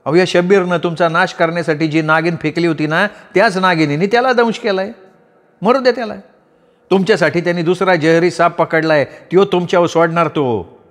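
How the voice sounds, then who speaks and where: A man voicing a bold, sharp-tongued village woman in a raised, lively voice. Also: natural voice. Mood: fierce. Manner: raised, lively pitch, scolding and quick. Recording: long reverb.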